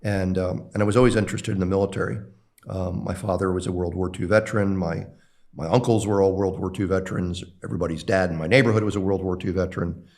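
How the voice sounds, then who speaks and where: This older man from the Philadelphia area in Pennsylvania has a low, gravelly, darkish voice with fairly even intonation and a fast pace. A national security expert, he reminisces as a guest in a relaxed conversational interview, using frequent ums and uhs.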